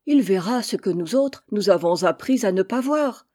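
A woman's voice: medium pitch, lively intonation, moderate pace, warm tone, close to an everyday voice. A woman voicing a pompous eagle owl who hoots and utters cryptic sayings in a children's story. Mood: solemn. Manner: hooting, sententious.

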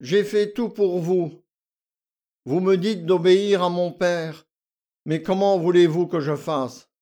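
Timid heartbroken peasant girl, read by a man, soft and pleading, slowish storybook voice. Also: high voice, fairly even intonation. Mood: sad, pleading. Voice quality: soft, faltering.

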